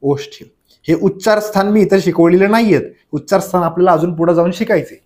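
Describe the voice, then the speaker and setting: A man's voice: sits high, fast talker, darkish tone. A male teacher giving an exam revision lecture in grammar, asking questions and answering them himself, over and over. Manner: drilling with repeated questions and answers.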